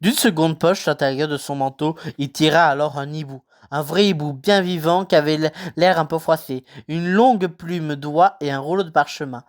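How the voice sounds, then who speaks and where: A woman storyteller reading a children's novel aloud, steady and unhurried, with small slips. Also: low voice.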